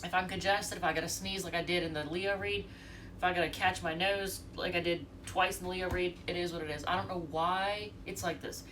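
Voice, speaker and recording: An American tarot reader, congested from allergies, gives a casual reading and rambles chattily straight to her viewers. Her fairly low, fairly bright voice holds a steady tone at a brisk pace, picked up far from the mic with slight hiss or hum.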